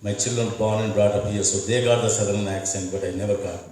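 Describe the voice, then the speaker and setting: A man's voice: lowish voice, steady tone, fast, darkish tone, a little hiss or hum. A middle-aged man with an Indian accent gives an earnest debate speech as a candidate, telling his story and often repeating words. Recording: echoey room from far off.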